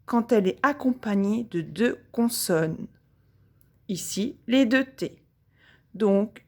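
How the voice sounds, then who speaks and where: French woman teaching phonics to small children, unhurried, stretches every sound. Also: medium pitch, a little mellow. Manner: slow, deliberate, drawing out each sound. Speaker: primary school teacher. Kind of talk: slow phonics lesson for young children.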